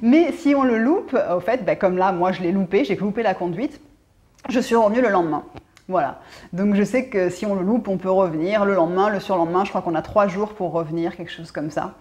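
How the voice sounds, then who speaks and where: A woman's voice: mid-range voice, a little fast, a little mellow. Chatty woman vlogging. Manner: chatty storytelling, many fillers and restarts. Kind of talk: casual chat.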